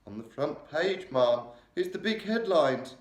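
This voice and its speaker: A man's voice: on the high side, expressive, a little slow, pitched above the performer's own voice. A man voicing a nervous old maid. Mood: nervous, shaken. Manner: deferential, quivering. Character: oldish female maid, deferential and nervous. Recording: roomy echo.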